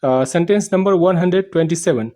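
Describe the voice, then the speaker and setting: A man teaching English sentences in Hindi, repeating each phrase slowly, spelling out words and often asking if students understood. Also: fairly high pitch, warm tone, slight background noise. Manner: repeats each sentence slowly, checks "samajh mein aa gaya?"; spells and sounds out words letter by letter. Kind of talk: spoken English lesson explained in Hindi.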